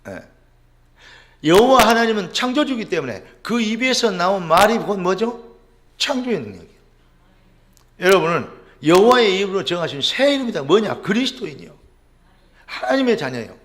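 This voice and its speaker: A middle-aged male pastor preaching a sermon, asking rhetorical questions and dropping suddenly to a low murmur. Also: sing-song, moderate pace, long pauses, a bit bright.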